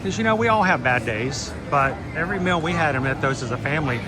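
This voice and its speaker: A man chatting casually as a livestream host, self-deprecating, with soft R's that sound like W's. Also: a little high, animated, quick pace, noisy background. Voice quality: can't pronounce R's, says w for r. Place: outdoors at a theme park. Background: music.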